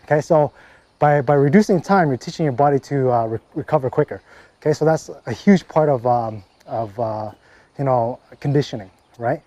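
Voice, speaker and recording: A man giving casual workout instruction as a fitness coach, relaxed and full of fillers and "okay, right?" check-ins. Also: mid-range voice, moderate pace, no room sound. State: briefly out of breath after a set.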